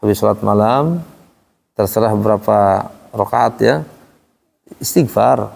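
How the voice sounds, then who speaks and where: A man teaching Quran recitation to a small class in a relaxed, chatty way, acting out how questions sound. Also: fairly low pitch, takes it slowly, gravelly. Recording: echoey room with long reverb.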